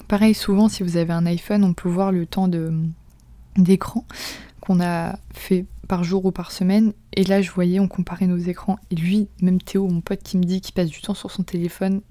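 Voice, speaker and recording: A young woman hosting a podcast in a casual confessional monologue, chatty and slangy, often dropping into soft whispered asides. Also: lowish voice. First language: French. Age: young adult. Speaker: podcast host.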